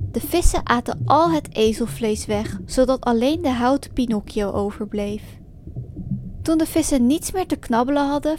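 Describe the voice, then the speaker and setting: A woman narrating a children's storybook in a clear, expressive reading style. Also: high voice.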